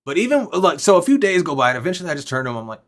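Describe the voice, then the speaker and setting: Young man, casual talk to camera, swears a lot, rambles and restarts, pitch swings widely. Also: big pitch swings, very fast. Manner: profane, rambling, self-interrupting. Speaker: vlogger and rapper. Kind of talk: casual personal storytelling to camera.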